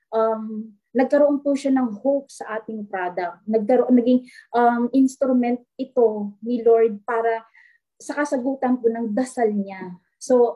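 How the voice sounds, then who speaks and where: A woman with a fairly high, soft-toned voice tells a story as a guest in an online talk. She speaks politely, mixing English into her Tagalog. She acts out the lines of the people in her story. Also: highs cut off. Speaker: guest sharing a customer testimonial.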